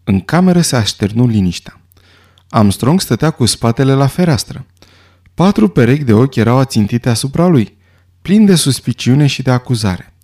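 A man reading a story as an audiobook narrator in a steady, even way. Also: medium pitch. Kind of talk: scripted narration.

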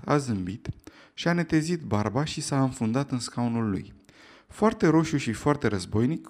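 A man narrating an audiobook in a steady storytelling delivery. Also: medium pitch.

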